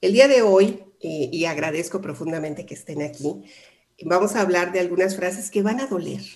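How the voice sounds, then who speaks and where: A woman's voice: lowish voice, moderate pace. A middle-aged woman hosts a motivational radio talk, telling stories and speaking straight to her listeners. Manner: warm storytelling, addresses listeners directly. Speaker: host, life coach.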